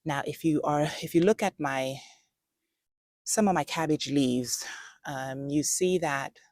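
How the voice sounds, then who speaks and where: A woman's voice: sits low, a little slow, darkish tone, dry recording, studio quality. A woman hosting a casual gardening vlog, chatting directly to viewers with frequent fillers. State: out of breath. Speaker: gardening channel host.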